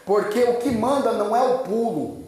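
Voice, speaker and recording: A high-voiced pastor preaches fervently, hammering his points with repetition. His voice booms through a very echoey church, heard from far off the mic. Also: normal speed, darkish tone. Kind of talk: sermon.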